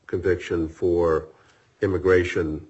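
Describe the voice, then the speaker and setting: Presiding as an appellate judge, a man with a low, level, darkish voice and a breathy edge speaks slowly while firing probing questions at counsel during oral argument, often cutting in. The courtroom audio is dull and lo-fi.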